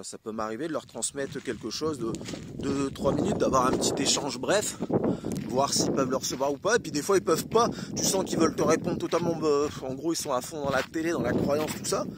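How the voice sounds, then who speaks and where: Man from France, casual vlog monologue, halting and filler-heavy, outdoor noise under him. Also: on the high side. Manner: rambling, many fillers, loose and spontaneous. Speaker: vlogger. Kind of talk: casual spiritual monologue to camera.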